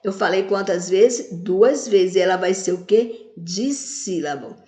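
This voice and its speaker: Slow, echoey woman teacher. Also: mid-range voice, mellow. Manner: asks questions and answers them herself, drawing out words slowly. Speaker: primary school teacher. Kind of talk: recorded video lesson for children.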